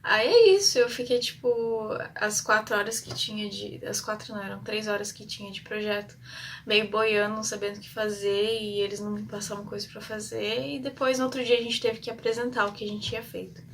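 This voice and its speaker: A young Brazilian woman tells a casual vlog story in a flat, even tone, full of fillers and stray English words. She sounds a bit distant from the mic, with a faint hum of ambient noise behind her. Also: medium pitch, brisk. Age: young adult. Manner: chatty, rambling with many fillers and English terms; shy by her own account. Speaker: exchange student vlogger.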